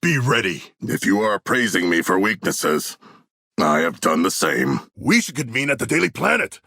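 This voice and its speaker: King Shark, gravelly formal shark-man warrior. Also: fairly low pitch, very animated, normal speed, pushed and bright, no room sound, clean studio sound, exaggerated voice. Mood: calm, formal. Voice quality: gravelly, husky. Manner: stilted formal diction, grandiose and literal. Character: huge earnest shark-man warrior, formal, proud, naively literal. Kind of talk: video game character voice lines.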